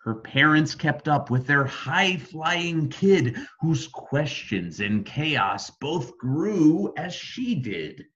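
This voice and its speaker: American male storyteller for rhyming kids' books, highly expressive intonation, deliberate and slow, somewhat muffled sound. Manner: dramatic emphasis, deliberate phrasing. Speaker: storybook reader. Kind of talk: expressive children's bedtime story reading in rhyme.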